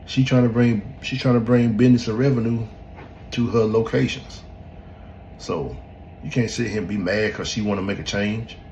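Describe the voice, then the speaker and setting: Deep-voiced blunt man giving his opinion. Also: normal speed, darkish tone, slight background noise, poor audio. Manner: blunt and emphatic, with casual swearing. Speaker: podcast host. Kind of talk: casual opinion commentary. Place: at home in front of a laptop.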